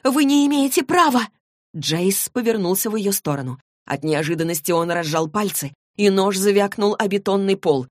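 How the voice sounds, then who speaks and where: A woman narrating a fantasy novel as an audiobook, in an even, measured storytelling voice. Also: mid-range voice, no room sound, studio quality.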